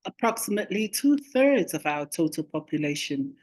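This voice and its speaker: A woman delivering a formal, measured welcome address as a chairperson. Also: low-pitched, sing-song, a little mellow. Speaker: government chief executive and task force chair. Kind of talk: formal prepared welcome speech.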